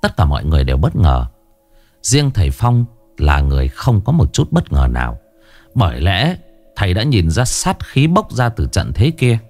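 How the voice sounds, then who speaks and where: A man narrating a horror story in a lively, expressive reading. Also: deep voice, moderate pace, faint music behind.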